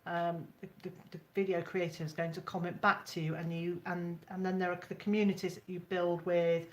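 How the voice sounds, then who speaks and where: A woman talking as a guest in a casual live chat, easygoing and talking in quick bursts. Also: fairly low pitch, level tone.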